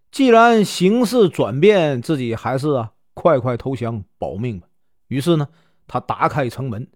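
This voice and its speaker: A man's voice: a little high, no room sound, clean studio sound. A man with a Northeastern Mandarin accent retelling a classic novel in a casual way, stretching out filler particles between phrases. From Northeast China. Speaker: storyteller.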